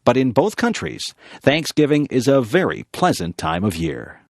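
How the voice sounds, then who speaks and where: An American man narrates a learners' lesson in a slow, clear reading voice. His pitch moves in a lively, sing-song way, and the sound is dry and close to the mic. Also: no room sound. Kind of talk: scripted narration.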